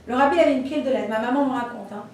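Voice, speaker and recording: High-voiced woman telling stories. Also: racing, slight background noise. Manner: lively storytelling, acts out voices. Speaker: Torah teacher. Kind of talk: storytelling class. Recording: echoey room, voice from far off.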